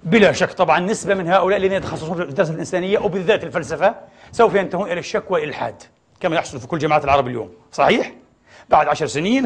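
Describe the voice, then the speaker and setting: A middle-aged male preacher delivers a sermon in a mosque, his voice pitched high and slightly husky. He talks at a rapid clip, tossing rhetorical questions to the congregation and calling them brothers. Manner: fills pauses with rhetorical "what?" questions to the congregation; often addresses the audience as brothers. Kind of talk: Friday sermon lecture. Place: mosque prayer hall.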